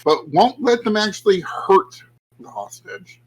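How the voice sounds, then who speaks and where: A man's voice: high-pitched, very animated, a little slow, breathy edge, rough recording. A man player chatting casually at a game table, matter-of-fact.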